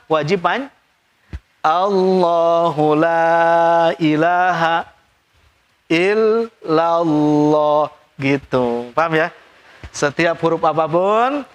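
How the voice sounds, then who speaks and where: High-voiced teacher. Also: male voice, fairly bright tone. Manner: slow drawn-out recitation between quick explanations. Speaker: Quran recitation teacher. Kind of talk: tajwid lesson with recited examples.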